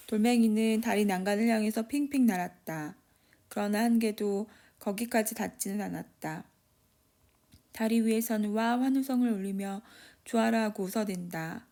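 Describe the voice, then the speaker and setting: A woman giving a steady, measured scripted narration of a short story. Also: mid-range voice.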